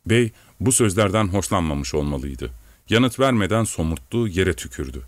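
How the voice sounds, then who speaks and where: A man narrating an audiobook in a steady, measured reading. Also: sits low, dry recording.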